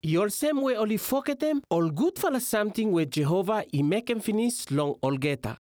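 A man's voice: high voice, expressive, brisk, darkish tone, dry recording. Guy from vanuatu style melanesian pidgin, bible teacher talk, really up and down voice, dry sound. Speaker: religious teacher.

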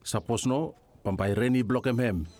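A man acts a prophet giving an urgent warning in a Bible audio drama. He speaks Melanesian pidgin with a Vanuatu accent, mid-pitched and recorded dry. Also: moderate pace, darkish tone, no room sound, natural voice.

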